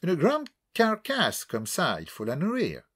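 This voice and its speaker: A man voicing a genteel elderly British lady, soft and distinguished, with a caricatured English accent. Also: fairly high pitch, huge pitch swings, moderate pace, pitched above the performer's own voice. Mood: gushing.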